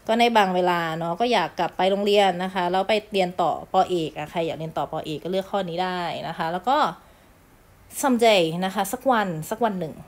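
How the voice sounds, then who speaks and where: A Thai woman who teaches English explains a lesson chattily in a mid-range voice. She reads English phrases slowly and clearly, adding polite endings and casual asides.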